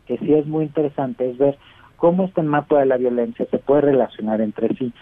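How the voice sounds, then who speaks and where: A man with a Mexican accent, director of a civic observatory, appears as an expert guest offering analysis in a news interview. His voice is mid-range at a moderate pace with no echo, heard over a dull, dry, phone-like radio link.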